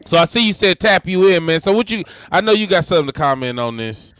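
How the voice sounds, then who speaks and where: A man hosting a live call-in debate, posing questions to callers in a lively way. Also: high-pitched, fast. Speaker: host.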